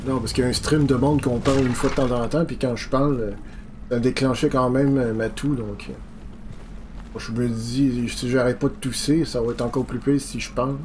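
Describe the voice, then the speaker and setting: A man's voice: medium pitch, fairly even intonation, normal speed, noisy background. A man with a Quebec French accent giving casual, rambling, informal commentary as he streams a game. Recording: game music behind the voice. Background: video game music.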